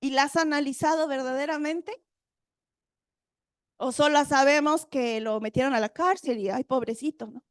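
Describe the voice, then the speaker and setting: High-voiced woman preaching, close and dry. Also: normal speed, dry recording. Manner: animated preaching with Bible readings and questions to the audience. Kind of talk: sermon.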